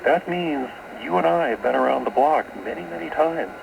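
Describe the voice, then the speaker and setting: A man with a slightly high, creaky voice speaks at a moderate pace as a radio show's guest author. Over a noisy background, he explains esoteric concepts and keeps repeating words as he talks. The recording comes from a shortwave broadcast taped off air.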